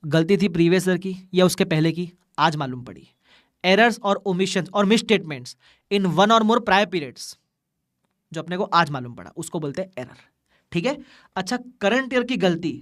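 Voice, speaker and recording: A man's voice: high-pitched, fairly bright tone. A man teaching an exam revision lecture in Hindi mixed with Indian English, chatty and teasing, asking and answering his own questions. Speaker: accounting teacher.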